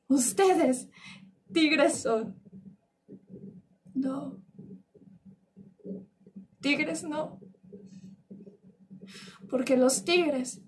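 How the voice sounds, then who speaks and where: An actress performing a theatrical monologue as a murdered young woman, defiant and accusing, declaiming slowly and rising to outcries. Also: sits high. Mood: scornful. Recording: distant mic.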